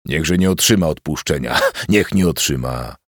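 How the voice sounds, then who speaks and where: A man's voice: extremely low pitch, lively intonation, moderate pace, a bit bright, dry recording, clean studio sound, full character voice. A man voicing a blind, raging old duke who wheezes and cackles bitterly, read as part of a storybook narration. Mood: bitter rage.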